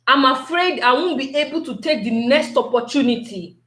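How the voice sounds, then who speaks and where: A woman giving a motivational talk, slow and repetitive, asking her listeners many questions. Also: sits high, a bit bright, reverberant.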